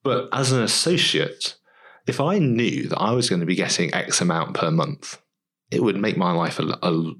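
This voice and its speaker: A man's voice: low-pitched, expressive, moderate pace, a bit bright, low-quality recording. A man co-hosting a podcast, speaking thoughtfully and often restarting his sentences. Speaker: podcast co-host, dental associate. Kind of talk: casual podcast discussion.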